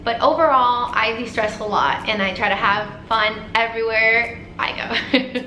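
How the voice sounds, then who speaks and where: Bright-voiced young woman. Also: a little high, normal speed, a little hiss or hum. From Puerto Rico. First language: Spanish. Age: 20s. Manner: upbeat, chatty, reads questions aloud. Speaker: vet student vlogger. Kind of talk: casual Q&A vlog. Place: small indoor room. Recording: roomy echo, faint music behind.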